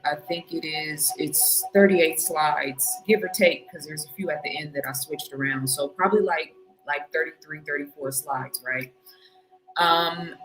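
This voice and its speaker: A woman's voice: fairly low pitch, rough recording. A woman hosting a casual livestream, greeting her chat viewers by name in a laid-back way. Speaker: livestream host.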